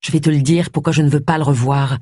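Un lecteur de livre audio prête sa voix à une détective d'une cinquantaine d'années, nerveuse et prompte à s'emporter. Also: female voice, low voice, fairly even intonation, quick pace, dark tone, breathy edge, dry recording, clean studio sound. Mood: tendue. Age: 50s. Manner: tense, emotional outbursts. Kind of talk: audiobook character voice.

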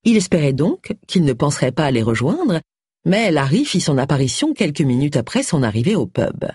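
A woman narrating a novel in a lively, expressive way with a breathy voice. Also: sits low, brisk, dry recording, clean studio sound. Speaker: audiobook narrator. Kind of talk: scripted narration.

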